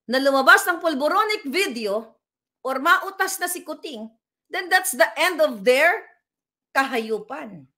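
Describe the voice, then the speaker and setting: A high-voiced middle-aged woman rants to her viewers from home, peppering her talk with rhetorical questions. Her tone is bright and sharp, and she pushes her points hard. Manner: combative, rhetorical questions, Taglish. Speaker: political vlogger. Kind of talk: heated political commentary vlog. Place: at home indoors.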